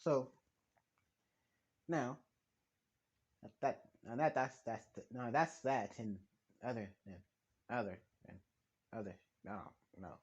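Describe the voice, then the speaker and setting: A man's voice: medium pitch, animated, slow, long pauses, slightly rough, highs cut off. A man telling a fan story in casual talk, rambling with many restarts and fillers.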